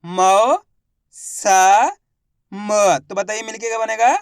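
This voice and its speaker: A man teaching Hindi reading, slowly sounding out each syllable with emphasis and speaking directly to his viewers. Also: high-pitched, dry recording, clean studio sound. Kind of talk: slow phonics lesson, sounding out syllables.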